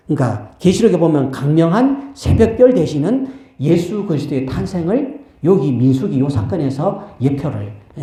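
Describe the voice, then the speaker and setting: A man preaching a sermon as a pastor, telling a Bible story in an animated way and acting out its voices, recorded in a church. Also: fairly high pitch. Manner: animated, acts out the quotes in the story. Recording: echoey church hall.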